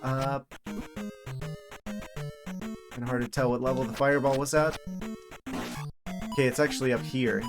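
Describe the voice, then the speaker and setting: A man giving casual live commentary as a game streamer, thinking aloud in a halting way. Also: medium pitch, fairly even intonation. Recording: video game music behind voice. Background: video game music.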